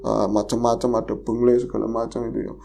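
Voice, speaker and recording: A man tells a personal horror experience as a podcast guest. He retells it in a lively, fearful way. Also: medium pitch, quick pace, gravelly, soft background music. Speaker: guest storyteller.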